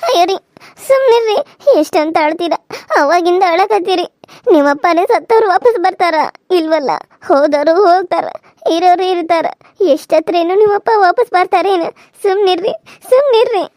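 A woman with a very high, thin voice voices the characters of a village cartoon serial. She wails, pleads and scolds in turn. The recording is close and dry, with no room sound around her. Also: moderate pace, a little mellow, no echo. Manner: wailing, pleading and scolding in turns.

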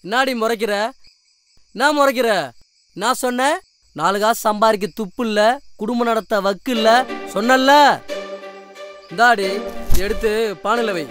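Drunk village husband played by a man, rough taunting voice, loud music behind. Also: high-pitched, moderate pace, pauses often. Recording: film dialogue under loud music.

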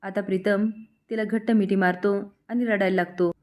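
Woman recap narrator, steady voice-over storytelling, mid pitch. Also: normal speed. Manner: plain steady retelling.

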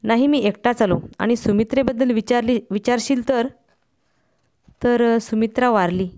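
A woman voicing a calm, blunt male friend. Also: on the high side, lightly acted. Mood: calm, matter-of-fact. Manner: calm, level, unhurried.

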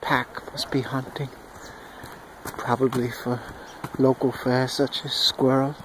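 A man narrating a home video in a hushed, mock-solemn wildlife documentary manner, outdoors in a yard. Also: medium pitch, little pitch movement, takes it slowly, poor audio. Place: outdoors in a yard with chickens and dogs. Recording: outdoor noise with bird calls.

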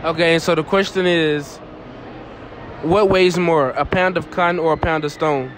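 Strangers at a shopping mall are interviewed by a young man with a fairly high, somewhat bright voice and fairly even intonation, speaking at a moderate pace. Using a handheld phone for this casual street interview, he laughs a lot and repeats their answers, with slight background noise present.

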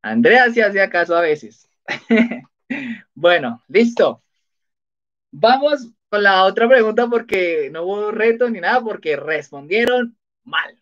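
A man's voice: high-pitched, lively intonation, measured pace, fairly bright tone. A man hosting a casual spelling quiz on a live stream, chatty and laughing often as he reads out answers. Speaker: spelling quiz livestream host. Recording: dull lo-fi sound.

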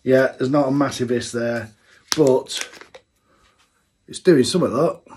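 A man's voice: medium pitch, unhurried, darkish tone, slight background noise. A man, chatting casually as he tastes a homebrewed beer in a small home brewing room, thinking aloud with plenty of fillers. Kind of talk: casual tasting vlog.

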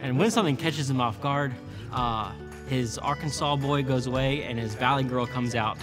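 A man's voice: medium pitch, moderate pace. A man in a video interview, talking casually with frequent "uh" fillers. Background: music bed.

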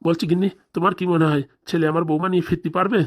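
Woman doing a henpecked old husband, low voice, rapid-fire, placating, cartoon comedy. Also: fairly even intonation, lightly acted. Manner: placating, backpedaling. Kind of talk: comic cartoon dubbing.

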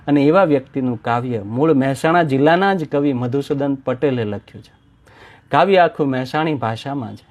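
A man from Saurashtra with a Saurashtrian Gujarati accent, reading a poem aloud and explaining it in an expressive storytelling way. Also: mid-range voice. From Saurashtra, India. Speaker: poetry reciter and narrator. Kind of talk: poetry reading with spoken commentary.

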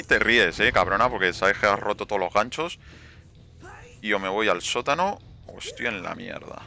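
Gravelly Spanish man taunting as he plays. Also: fairly low pitch, expressive, moderate pace, sharp tone. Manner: swears, taunts players. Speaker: gameplay commentator. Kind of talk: live gameplay commentary.

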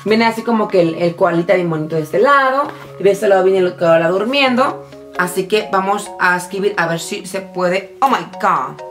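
A woman chats casually through a shopping haul, her voice mid-pitched. She sounds tired yet excitable and addresses her viewers directly. Faint music plays in the background. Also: normal speed. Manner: bubbly, excitable, talks straight to viewers. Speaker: vlogger showing a shopping haul. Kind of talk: casual chatty product show-and-tell.

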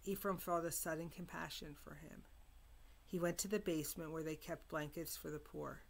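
A woman reading a chapter of a novel aloud, giving the dialogue quiet voices in a measured, even delivery. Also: low-pitched, vocal fry. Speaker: reader.

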